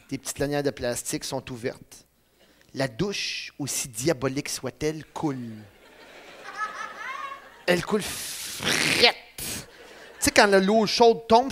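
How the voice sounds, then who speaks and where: A man with a Quebec French accent, telling a comic story in an excitable way, laughing and letting out yelps. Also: a little high. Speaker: radio host.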